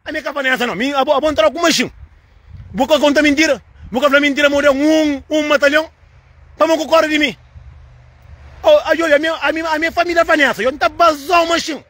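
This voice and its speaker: Man, Cape Verdean accent, very high voice, rapid delivery, emphatic repetitive monologue. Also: fairly even intonation, fairly bright tone, dry recording. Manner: emphatic, repetitive, addresses listener as "moço". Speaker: channel host. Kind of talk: casual monologue to camera.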